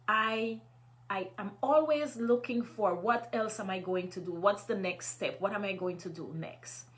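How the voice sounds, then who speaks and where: A woman's voice: mid-range voice, fairly bright tone. A middle-aged Guyanese woman hosting a live stream, chatting casually, reading viewer comments and encouraging her listeners. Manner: encouraging, motivational.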